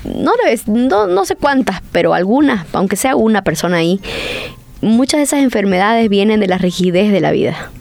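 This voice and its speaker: A woman's voice: medium pitch, sing-song, moderate pace, creaky, a little mellow. A woman co-hosting a radio talk program, speaking earnestly and explaining things at length, using the informal "vos" forms. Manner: earnest, explanatory, uses voseo.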